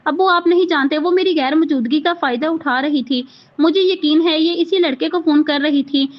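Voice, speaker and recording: A woman's voice: sits high, moderate pace, muffled recording, natural voice. Woman reading as a harsh angry young husband. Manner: harsh, accusing.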